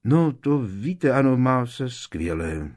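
A man reading aloud, voicing a middle-aged man who booms with forced, awkward cheer. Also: big pitch swings, darkish tone.

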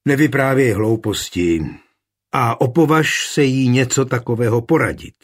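An irritable, defensive husband, voiced by a male reader, gruff and sharp when crossed. His husky tone stays close to the reader's own, as in a told story. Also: mid-range voice, animated.

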